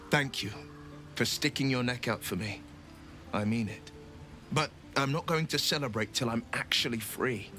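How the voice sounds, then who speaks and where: A man with a lowish, fairly everyday voice plays an earnest, resolute young nobleman who has become a warlock adventurer in a dramatic video game. He speaks formally and sincerely, sounding wary.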